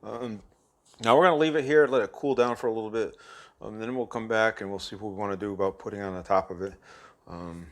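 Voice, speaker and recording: Halting, low-voiced man hosting a cooking vlog. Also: little pitch movement. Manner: halting, many "um"s and restarts. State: talking with his mouth full. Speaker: cooking channel host.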